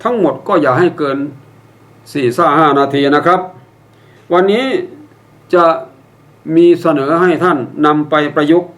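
A man's voice: fairly high pitch, measured pace, pauses often, fairly bright tone. An older man teaching how to write and read a eulogy, explaining step by step with wry examples and polite phrasing. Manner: polite, ends phrases with a courteous particle. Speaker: public speaking instructor. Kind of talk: instructional talk.

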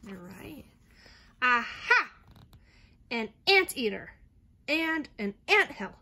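A woman reading a picture book aloud to a child in a gentle, expressive bedtime storytelling manner. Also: high-pitched, slow pace. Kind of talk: soothing bedtime read-aloud.

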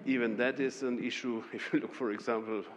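A man's voice: mid-range voice, steady tone, a little hiss or hum. German-accented man on a conference panel. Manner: measured, with short laughs and restarts. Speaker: Member of the European Parliament. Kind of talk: panel discussion. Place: conference hall. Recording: reverberant hall with faint ambience.

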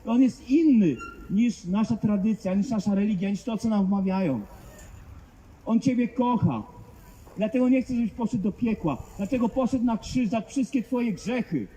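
Animated and at a moderate pace, a street preacher with a high, mellow voice does open-air evangelistic preaching to passers-by on a public street. He is fervent and emphatic, pressing points with rhetorical questions. The audio is poor, with a little hiss or hum.

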